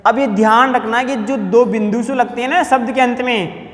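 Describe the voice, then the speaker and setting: A male teacher at a blackboard, drawing out each word slowly for pupils to repeat and often asking if they have understood. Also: very high voice, fairly even intonation, a bit bright. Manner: slow, drawn-out syllables for pronunciation drills; addresses pupils directly, asks check questions. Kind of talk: classroom lesson at a blackboard. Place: classroom with blackboard. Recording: echoey classroom with long reverb.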